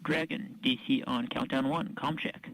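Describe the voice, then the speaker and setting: A man's voice: mid-range voice, fairly even intonation, moderate pace, creaky, a bit bright. A man working as a ground controller, making procedural astronaut radio calls for comm checks. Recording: faintly noisy radio loop.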